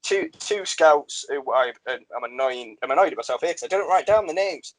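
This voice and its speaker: A man's voice: fairly high pitch, lively intonation, a little fast, dry recording, rough recording. A man hosting a casual football podcast, chatty and self-deprecating, laughing often. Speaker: podcast host.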